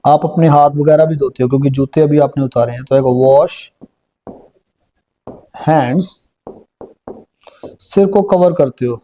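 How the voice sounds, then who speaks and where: A man with a Punjabi accent teaching a spoken English lesson step by step, slowing down and repeating phrases while he writes them on a board. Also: on the high side, dark tone, slight background noise.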